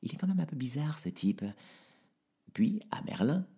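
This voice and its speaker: Guy doing a sarcastic doubting sister, higher pitched, kinda raspy. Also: very animated, normal speed, dark tone, exaggerated voice. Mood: skeptical. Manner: doubting, mocking. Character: skeptical woman, sharp-tongued sister.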